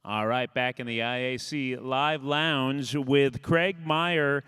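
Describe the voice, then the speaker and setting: Male host, crisp mid-range voice, casual live-event interviewing. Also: medium pitch, fairly even intonation, slow, fairly bright tone, no echo, studio quality.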